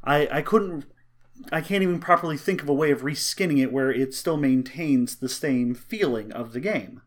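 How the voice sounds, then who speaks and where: A man's voice: on the high side, moderate pace. A man co-hosting a casual board game discussion, talking through games with enthusiasm. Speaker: co-host.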